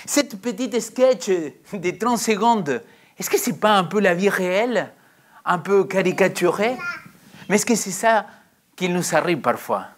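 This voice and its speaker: A woman's voice: medium pitch, expressive, a little slow, a little hiss or hum. A woman preaching a sermon in a questioning, reflective way, drawing out her phrases.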